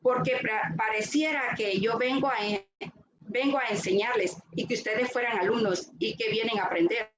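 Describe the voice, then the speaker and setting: A woman's voice: on the high side, fairly even intonation, moderate pace, fairly bright tone, muffled recording. A woman giving a faith testimony at a retreat, speaking earnestly and often repeating words as she finds them. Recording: echoey room with noise.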